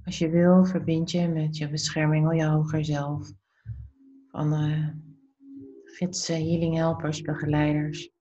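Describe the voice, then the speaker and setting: Low, mellow woman guiding meditation. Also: level tone, muffled recording. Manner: soothing, unhurried, with pauses between short phrases. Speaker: guided meditation leader. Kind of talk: slow guided meditation.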